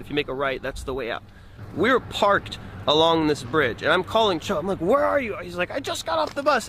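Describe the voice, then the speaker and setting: Guy vlogging a story outside, laughs a lot, higher voice, bit of traffic noise behind. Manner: animated, laughs often, jumps high when quoting friends. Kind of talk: casual storytelling.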